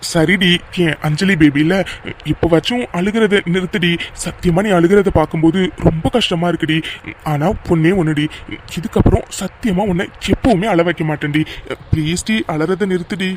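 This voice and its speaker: A wheedling young cartoon lover, as a voice actor plays him, mischievous and quick to beg forgiveness, piling on endearments. His voice sits in a middle pitch with a faint hiss of noise behind it. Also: natural voice. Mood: pleading. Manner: wheedling, apologetic with repeated endearments. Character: young man, playful lover who fakes an injury. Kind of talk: cartoon voice acting.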